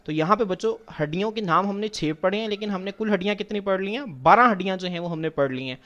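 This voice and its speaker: A man's voice: high voice, fast talker, a bit bright, highs cut off. A man teaching biology over slides, patiently repeating points, asking and answering his own questions, and mixing in English terms. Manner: patient, repeats points, addresses students as children; mixes English science terms into speech. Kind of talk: classroom lecture over slides.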